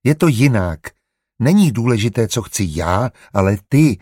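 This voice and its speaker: A man voicing a patient, kindly doctor who calmly reasons in a storybook reading. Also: mid-range voice, no room sound, studio quality.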